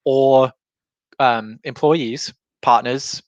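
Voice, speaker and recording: A man speaks extremely slowly and steadily at medium pitch in an informal business-training talk, illustrating points conversationally with imagined quotes. The recording has no room sound and its highs are cut off, while an alarm goes off in the background.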